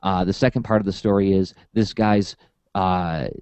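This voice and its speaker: Here a deep-voiced man at normal speed spins casual stories, animatedly acting out what the people in them said. He teaches comics workshops and rambles happily. The tone is clean, with no room sound.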